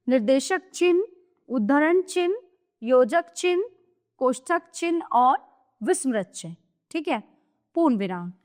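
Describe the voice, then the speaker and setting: A woman with a high, light voice gives a grammar lesson to young children. She explains patiently, repeats her examples and checks in with the class as she goes. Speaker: teacher.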